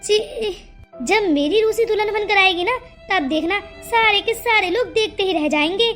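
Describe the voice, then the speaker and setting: A woman's voice: very high-pitched, moderate pace, fairly bright tone, soft background music. A woman voicing a worried, loving village mother in a cartoon story, fussy and coaxing, turning to scolding. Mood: fond. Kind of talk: cartoon voice acting.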